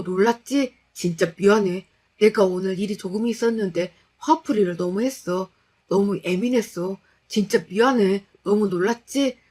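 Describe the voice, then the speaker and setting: A young husband with something wrong about him, as a woman reads him, begging and apologizing in a slow, coaxing voice. His pitch sits mid-range. He sounds sorry on the surface, but the pleading never quite rings true. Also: darkish tone, slightly rough, close to an everyday voice. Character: unsettling young married man, pleading.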